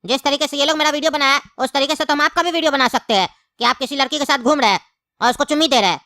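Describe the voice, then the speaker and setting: A woman's voice: sits high, very fast, sharp tone, no room sound, clean studio sound. A woman voicing a young male accused in a comedy skit, pleading his innocence with evasive excuses.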